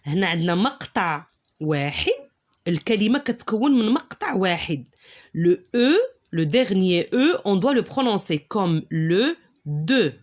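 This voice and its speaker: A woman with a Moroccan accent teaching a reading lesson, drilling syllables slowly and patiently in Moroccan Arabic and French. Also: mid-range voice, big pitch swings. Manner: slow, drawn-out syllable drills, patient and encouraging. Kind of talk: reading lesson, code-switching.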